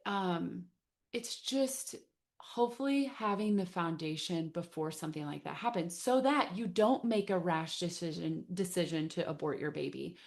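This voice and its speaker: A woman co-hosting a podcast, speaking thoughtfully with many casual fillers. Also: medium pitch. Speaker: podcast co-host.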